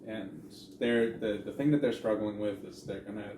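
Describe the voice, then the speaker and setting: A man's voice: lowish voice, steady tone, moderate pace. A man co-hosting a podcast, chatting casually and profanely about a horror movie, retelling scenes. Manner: rambling, profane, retells scenes in quoted voices. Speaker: podcast co-host. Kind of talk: casual movie review chat. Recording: echoey room, distant from mic, faint noise.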